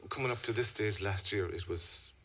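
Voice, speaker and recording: A middle-aged man with a west of Ireland accent, giving a personal account in a radio interview in measured, halting phrases. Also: fairly low pitch, sharp tone. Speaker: interview guest, a father telling a family story.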